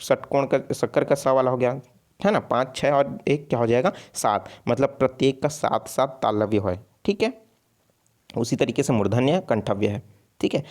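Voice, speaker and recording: A man's voice: mid-range voice, a little mellow. A man teaching an online exam-prep lesson, explaining step by step and repeating himself often. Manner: repetitive, explains step by step with frequent fillers.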